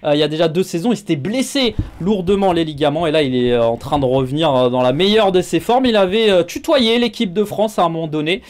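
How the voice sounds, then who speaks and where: A man's voice: fairly high pitch, expressive, fast talker, hardly any pauses. A man hosting a sports show, chatting casually with many filler sounds and asking his guest questions. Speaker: show host.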